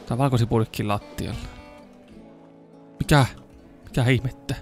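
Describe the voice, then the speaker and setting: A young man with a Finnish accent giving casual let's-play commentary, swearing and yelling whenever the game turns dangerous. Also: medium pitch, faint music behind. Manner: excitable, swears and yells when in danger. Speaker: gaming YouTuber.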